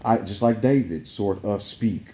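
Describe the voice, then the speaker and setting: A vlogger speaks to camera in a meandering, preachy spiritual monologue packed with "like" fillers. His voice is on the low side and warm, a little slow, with a roomy echo in the recording.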